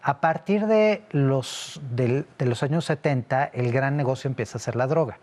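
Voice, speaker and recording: A middle-aged man speaks as a guest in a conversational interview, explaining things patiently at length. He often pauses on fillers and restarts his sentences. His voice sits at an ordinary pitch. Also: darkish tone. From Italy. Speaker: interview guest, security analyst.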